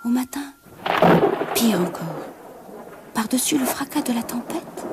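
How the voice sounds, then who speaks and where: A woman narrates a children's storybook with great drama, shifting from hushed whispers to bright exclamations. Her voice sits high and leaps widely in pitch. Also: expressive, measured pace, heavy background noise. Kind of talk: expressive storybook reading.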